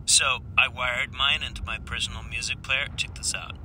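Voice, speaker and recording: A man's voice: medium pitch, fairly even intonation, moderate pace, bright, forceful tone, a little hiss or hum, poor audio. An actor playing an eager young male rookie stormtrooper in a comedy film, rambling in a casual, awkward way. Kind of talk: short comedy film dialogue.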